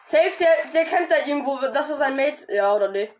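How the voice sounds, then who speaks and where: A woman chatting with teammates during an online shooter match, trading slangy callouts and sometimes shouting in excitement. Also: high-pitched, a little fast. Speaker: gamer. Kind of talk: excited gaming chat with teammates.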